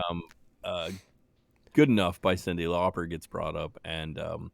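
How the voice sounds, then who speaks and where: Low-voiced man in casual podcast chat. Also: little pitch movement, measured pace, gravelly, no room sound. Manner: rambling, laughs easily, many fillers. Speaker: podcast co-host.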